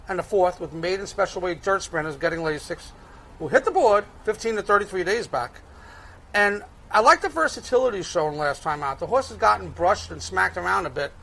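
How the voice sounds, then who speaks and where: A man with a Brooklyn accent works through race picks in a conversational way. His voice sits high for a man and has a strong, gravelly creak. He sounds like a handicapper explaining his reasoning. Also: fairly bright tone, poor audio. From Brooklyn, United States. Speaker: horse racing handicapper.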